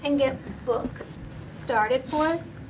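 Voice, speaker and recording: A woman's voice: sits high, takes it slowly. A woman primary school teacher leading an interactive writing lesson, prompting children with instructions and questions. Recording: noisy classroom ambience. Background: room noise and young children.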